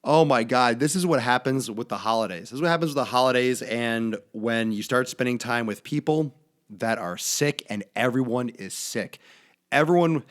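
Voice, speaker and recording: Male fitness host, mid-pitched but hoarse, brash and jokey, swearing through loose livestream chat. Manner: brash, profane, jokey hype. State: hoarse, losing his voice from being sick.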